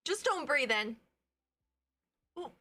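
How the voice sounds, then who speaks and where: A woman's voice: high voice, very animated, slow pace, bright, forceful tone. A woman co-hosting a live stream, making dry, wincing remarks while her eyes water from the spicy food. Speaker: stream co-host. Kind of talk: casual live-stream chat.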